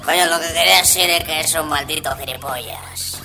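Guy playing a cussing squirrel with a spain accent, gravelly voice, music under it. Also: on the high side, a little fast, sharp tone. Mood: insulting. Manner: crude, insulting. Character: foul-mouthed squirrel-rat caller from hell.

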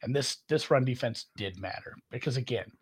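Rambling Minnesotan man, husky voice. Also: medium pitch, fairly quick. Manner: rambling, filler-heavy, animated. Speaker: podcast co-host. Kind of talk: casual sports chat.

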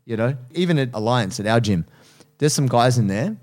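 A man's voice: mid-range voice, expressive, brisk, darkish tone. A man in his thirties, a strength coach and personal trainer, talking candidly and earnestly in casual podcast chat, laughing easily.

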